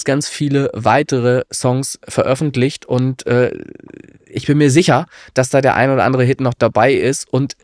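A man's voice: medium pitch, no echo, studio quality. A man hosting a music podcast, talking in an enthusiastic, colloquial way with plenty of fillers. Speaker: podcast host. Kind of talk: casual music podcast chat.

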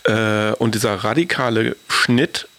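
A man's voice: on the low side, fairly even intonation, a little slow, a bit bright. A man in a casual, reflective discussion, searching for his words as he makes his point. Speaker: discussion participant.

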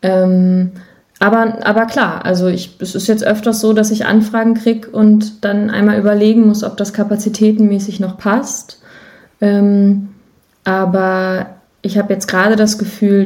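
A German musician and songwriter, appearing as an interview guest, talks casually and reflectively, thinking aloud as she goes. Her mid-range voice has a darkish tone.

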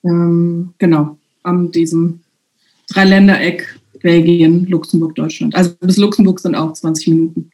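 Female guest, mellow tone, relaxed, hesitant conversational delivery. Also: on the low side, moderate pace. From Germany. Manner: relaxed, hesitant with many fillers. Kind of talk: casual conversation.

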